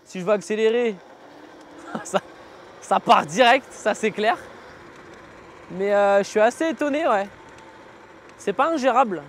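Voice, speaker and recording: High-voiced man chatting casually while riding. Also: a little slow, long pauses, a bit bright, a little hiss or hum. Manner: informal, slangy, thinking aloud. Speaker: vlogger reviewing an electric scooter. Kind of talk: casual spoken vlog commentary while riding. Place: outdoors, riding on city roads.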